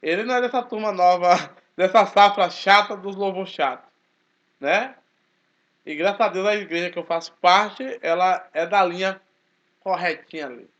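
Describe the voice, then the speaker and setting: A man, talking casually to his channel in a forceful, emphatic way. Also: sits high, moderate pace. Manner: speaks forcefully, animated and emphatic. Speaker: channel host, Baptist churchgoer. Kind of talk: casual spoken commentary. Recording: dull lo-fi recording.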